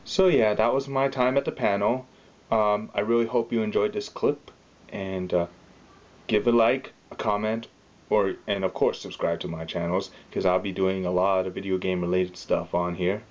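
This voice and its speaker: Relaxed man signing off a vlog. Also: lowish voice, normal speed, muffled recording. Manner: relaxed, chatty sign-off. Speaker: vlogger. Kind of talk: casual vlog narration.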